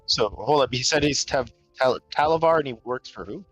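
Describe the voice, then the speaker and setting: A man's voice: medium pitch, brisk, a bit bright, breathy edge, faint music behind, rough recording. A man talking casually as a player in a tabletop role-playing game.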